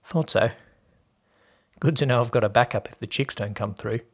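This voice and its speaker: A man voicing a relaxed, teasing young man, speaking in a low-key, casual way. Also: moderate pace, natural voice.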